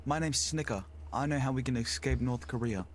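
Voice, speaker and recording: A man's voice: medium pitch, brisk, a little hiss or hum, lightly acted. A man voicing Snicker, a scheming young man on the run, speaking in an urgent, panicky way. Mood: panicked.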